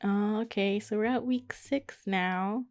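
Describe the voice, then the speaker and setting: A woman's voice: mid-range voice, takes it slowly, darkish tone, no echo. A woman streaming a visual novel, reading the narration aloud and giggling through her commentary. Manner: giggly, playful. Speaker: gaming YouTuber. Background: faint game music.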